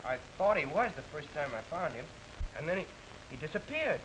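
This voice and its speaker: Flustered polite husband, old screwball comedy banter, high voice, stammers, hissy 40s movie sound. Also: male voice, sing-song, a little fast. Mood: flustered, pleading. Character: flustered, mild-mannered honeymooning husband in pajamas. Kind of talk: 1940s screwball comedy film acting.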